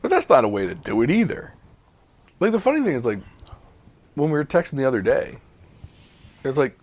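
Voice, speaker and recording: A man in his mid-forties chatting on a podcast into a home mic. His voice sits at an ordinary middle pitch, and he talks in lively, rambling bursts. He swears casually and often backs up to restart a thought. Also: a little fast. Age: 40s. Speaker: podcast co-host. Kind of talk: casual chat. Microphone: home podcast mic with mute button.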